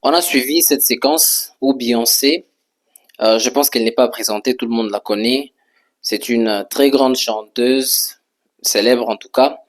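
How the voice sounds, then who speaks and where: Slow, patient French-speaking male teacher. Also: medium pitch. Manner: slow, patient, repeats words and spells them out; frequent hesitations with "euh". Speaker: English teacher. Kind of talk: French-language English lesson at a whiteboard.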